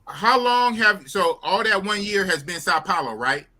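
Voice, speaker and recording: A man's voice: high-pitched, lively intonation, unhurried, pushed and bright, a little hiss or hum. A man in his fifties hosting a casual chat, asking loose questions in a slangy, repetitive way. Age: 50s. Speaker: host.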